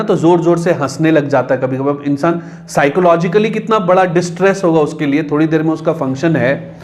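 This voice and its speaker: A man's voice: on the high side, a little mellow. A man teaching a story lesson, explaining it in casual Hindi mixed with English and acting out the characters' lines.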